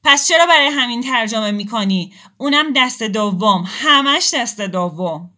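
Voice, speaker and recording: A woman's voice: medium pitch, fairly bright tone, voice pushed up, natural voice. A woman voicing a drunk, bitter man who speaks in an agitated, confrontational way in an audiobook story reading. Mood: shouting.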